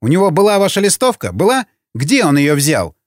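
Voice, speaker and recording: A man doing a high, frantic informer. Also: big pitch swings, a little fast, no room sound, clean studio sound. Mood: agitated. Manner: pleading, insistent. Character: excitable male prisoner, nervous informer.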